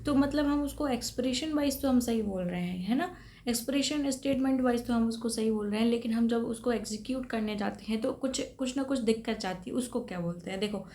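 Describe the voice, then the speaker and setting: Lady teacher, bit higher voice, explains step by step and keeps checking in. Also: darkish tone. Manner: explanatory, checks in with repeated "thik hai". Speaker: exam-prep teacher. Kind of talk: classroom lecture.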